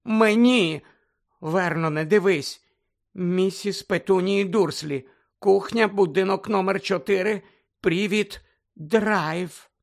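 A man voicing a sharp, nervous middle-aged aunt who talks briskly and tartly in an audiobook. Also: high voice, creaky, voice pushed up, heavily acted. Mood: frightened. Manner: brisk and sharp, at times trembling. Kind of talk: audiobook character voice.

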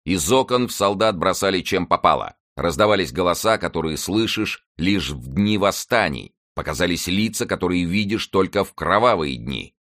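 A man's voice: sits low, expressive, moderate pace, few pauses, a bit bright, dry recording, studio quality. A man narrating an adventure novel as an audiobook, reading dramatically.

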